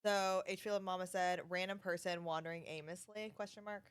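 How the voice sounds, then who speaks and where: A woman's voice: fairly low pitch, level tone, a little fast, smooth. A woman hosting a tabletop game stream, chatting casually and explaining how to use the app. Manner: helpful, explaining. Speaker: host and player.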